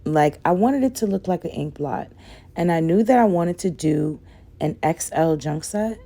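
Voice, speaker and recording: A young nail vlogger narrates her work in a casual, chatty tutorial voice-over, rambling and saying "like" and "guys" constantly. Her low, mellow voice is raspy from a cold. She speaks at normal speed with lively intonation.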